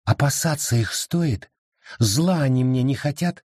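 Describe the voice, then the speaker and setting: A man voicing a small, hostile wild forest creature that growls and shouts spiteful threats in an audiobook. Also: medium pitch, a little slow, slightly rough, no echo, studio quality, voice pushed up. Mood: scornful. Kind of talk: audiobook character voice.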